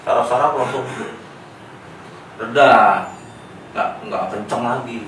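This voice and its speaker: A man's voice: mid-range voice, slow pace. Man coaching a patient in an echoey room. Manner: gentle coaching, then plain explanation to parents. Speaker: therapist at a clinic. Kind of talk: clinical consultation with a patient and family. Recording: echoey room, mic at a distance, faint noise.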